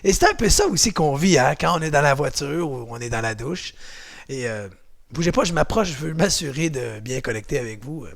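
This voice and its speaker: A man's voice: a little high, animated, brisk, gravelly. A man with a Québécois accent, leading a home exercise and martial arts class in a chatty, encouraging, playful way. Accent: Québécois French.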